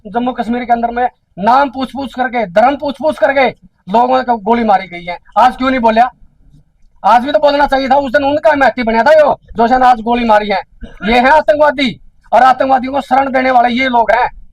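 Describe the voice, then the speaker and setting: High-voiced Haryanvi man speaking out indignantly. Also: creaky, dry recording, lo-fi sound. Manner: indignant, repetitive rhetorical questions. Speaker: speaker at a village council meeting. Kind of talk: public address at a village meeting.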